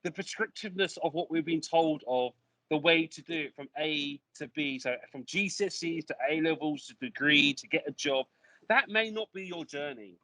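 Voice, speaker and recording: Bright, upbeat male host on a video call. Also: fairly high pitch, normal speed, dry recording, rough recording. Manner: repetitive, emphatic, motivational. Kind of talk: encouraging panel hosting. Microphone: video call mic.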